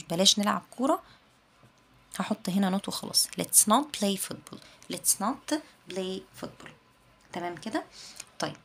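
Creaky-voiced Egyptian woman teaching grammar. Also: medium pitch, slight background noise. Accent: Egyptian Arabic. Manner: patient, repeats English examples slowly. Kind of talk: explaining a grammar lesson.

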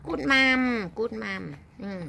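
A woman's voice: unhurried, sharp tone, a little hiss or hum. A Thai woman who talks in a chatty way in her home vlog and coos in baby talk to her dogs. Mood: coaxing. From Thailand. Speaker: vlogger. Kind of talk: casual vlog narration.

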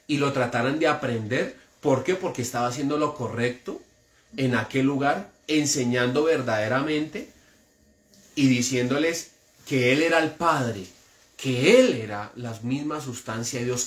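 A man preaching a sermon with a Colombian accent, animated and mocking as he mimics would-be prophets. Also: medium pitch. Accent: Colombian Spanish. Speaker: pastor. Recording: echoey church room.

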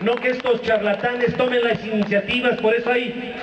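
This union leader is a middle-aged man with a Mexican Spanish accent, haranguing a street rally from an outdoor stage in combative, crude terms and calling everyone comrades. His pitch is extremely high with little movement, at normal speed, against background noise. The clip is a muffled, echoey, distant amateur recording of his handheld mic through a PA, filmed among the crowd.

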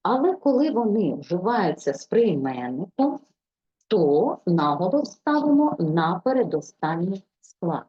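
A woman's voice: on the low side, sing-song, unhurried, breathy edge, dull audio. A woman language teacher giving an online exam-prep lecture, methodically reciting grammatical forms one by one.

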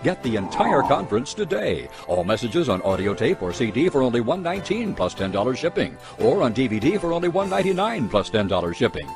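Male announcer, upbeat sales-pitch read, animated intonation, clear music bed under the voice. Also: brisk, hardly any pauses. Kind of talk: promotional voice-over.

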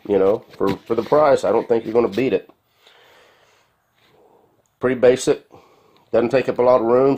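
A man's voice: medium pitch, a little mellow. A man casually reviewing a tool in his garage, talking in a rambling, folksy way with plenty of fillers, recorded on a handheld phone. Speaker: home mechanic reviewing a tool. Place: garage with concrete floor.

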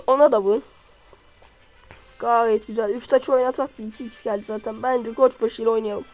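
A woman giving live commentary over her own gameplay, excitably cheering and scolding the units on screen. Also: a little high, normal speed, faint music behind, rough recording. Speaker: gamer.

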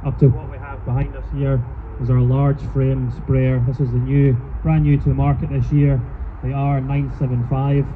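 A man's voice: mid-range voice, level tone, moderate pace. A man presenting products factually and formally outdoors as a machinery company representative. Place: outdoors at an agricultural show. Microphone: handheld microphone through speaker, filmed from afar. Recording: tinny phone-like PA sound, clear outdoor noise.

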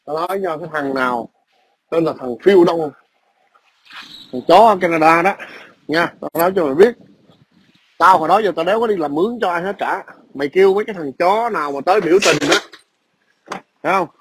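A man's voice: on the high side, fairly quick, pauses often, slight background noise. A man, ranting aggressively and profanely into a phone camera at his workplace. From Vietnam. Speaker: vlogger. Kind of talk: angry ranting video message.

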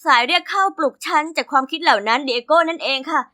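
A woman tells an animated first-person story in a chatty, sassy, dramatic manner. Her voice is high and bright, and she races through the lines. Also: rapid-fire. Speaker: narrator. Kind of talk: scripted animated story narration.

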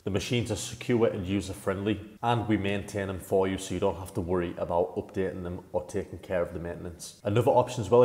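A young company presenter walks through a business service over slides in a plain, practical, informal manner. His voice is low-pitched with a darkish tone. The room is echoey with long reverb.

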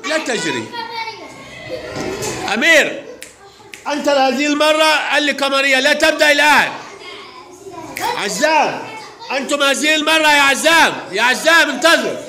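A man teaching primary pupils, giving brisk commanding calls across a classroom. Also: very high voice, lively intonation. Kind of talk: classroom instruction. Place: large classroom. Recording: noisy classroom with clicks.

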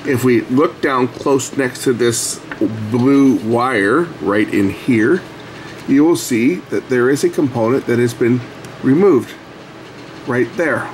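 Explaining his work as he goes at an indoor workbench, a middle-aged man hosts a repair video in a slow, mid-range voice with a darkish tone. His commentary is casual and conversational, and the room he records in is noisy.

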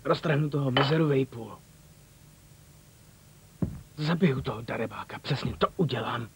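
A man dubbing a furious father who shouts threats. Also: mid-range voice, a little hiss or hum, natural voice. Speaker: dubbing actor. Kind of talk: dubbed telenovela acting.

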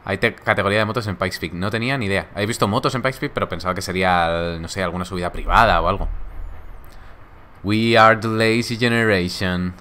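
A man's voice: deep voice, fairly even intonation, very fast, few pauses, bright, forceful tone. Joking young man streaming. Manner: laid-back, joking, laughs often. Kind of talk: casual live-stream chat reading viewer comments.

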